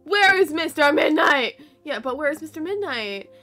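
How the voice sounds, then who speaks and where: A woman's voice: high voice, moderate pace, sharp tone, faint music behind. A woman reading lines as an earnest young girl searching for her cat. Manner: earnest, pleading.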